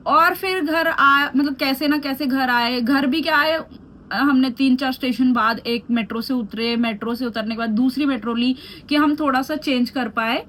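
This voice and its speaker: A young woman with a high, light voice tells a story for her vlog, animated and chatty. She moves freely between Hindi and English. A faint hum of room ambience sits behind her. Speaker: beauty vlogger. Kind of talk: storytime vlog while doing skincare.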